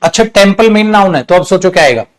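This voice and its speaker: A man's voice: high-pitched, lively intonation, fast talker. Earnest scolding Hindi-speaking teacher, man. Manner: scolding, earnest lecturing tone, calls students beta. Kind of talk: online English grammar class. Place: his own studio.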